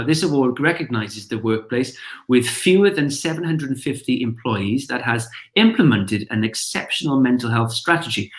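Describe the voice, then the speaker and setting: A man's voice: mid-range voice, fairly bright tone, echoey room. A man with a Welsh accent hosting an awards ceremony, reading out shortlists and winners with upbeat emphasis. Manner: upbeat, announcing names with emphasis. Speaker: awards host.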